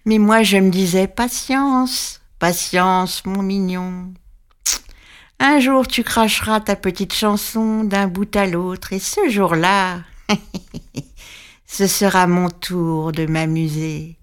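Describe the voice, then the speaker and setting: A woman voicing a spiteful old female witch in a storybook reading, with a thin, sour voice and a mocking, drawn-out way of talking. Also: mid-range voice, smooth, natural voice. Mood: gloating.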